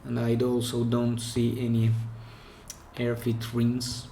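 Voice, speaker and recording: A man's voice: mid-range voice, completely flat delivery, slow pace, gravelly, mellow, slight background noise. A man with a Russian accent, hosting a pen spinning channel and chatting casually about viewer clips, hesitant and often restarting mid-phrase. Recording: echoey room.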